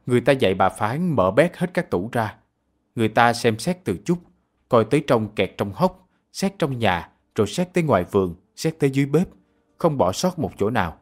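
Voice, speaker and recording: A man narrating a radio drama in an even storytelling manner. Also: medium pitch, a little fast.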